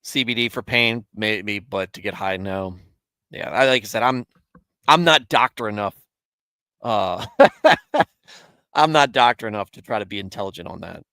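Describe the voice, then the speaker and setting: A man with a fairly low voice talks in a loose, rambling way, starting over mid-sentence and chuckling now and then. His thirties show in his tone as he answers viewers on a casual live stream. The sound is dry and close to the mic. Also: moderate pace, long pauses, pushed and bright, no room sound. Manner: rambling, self-correcting, chuckles often. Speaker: streamer hosting a Bible show.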